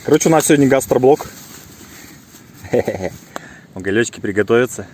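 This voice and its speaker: A man's voice: mid-range voice, lively intonation, normal speed, a little mellow. A man giving casual, slangy vlog commentary from a fishing trip, outdoors on the water, with wind on the mic. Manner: informal, slangy. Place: outdoors on the water in a small boat.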